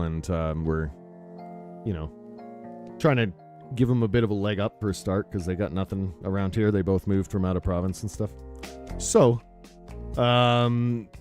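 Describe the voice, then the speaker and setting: A man streaming a game, chatting casually and rambling with frequent laughs into a close mic on a boom arm. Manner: rambling, relaxed, laughs often. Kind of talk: casual chat while gaming. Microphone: close studio mic on a boom arm.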